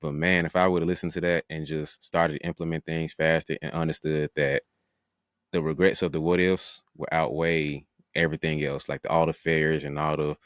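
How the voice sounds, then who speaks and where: Male podcast host, very deep, laid-back and reflective; dry close-miked sound. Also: dry recording. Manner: relaxed, reflective, slips into slang. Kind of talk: casual podcast chat.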